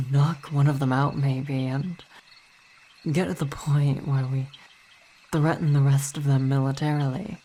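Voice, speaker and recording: An ASMR roleplay performer voices a weary, devoted female vampire ruler and wife in a full character voice. She speaks very low and flat, soft and often whispered, in a halting, reflective, sighing manner. Faint crickets and slight background noise sit behind her.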